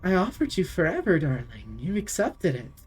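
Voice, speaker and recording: A woman's voice: low-pitched, big pitch swings, moderate pace, slight background noise. Woman putting on a doting vampire lady. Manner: affectionate, lingering, calls everyone darling. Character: tender, doting female vampire noblewoman.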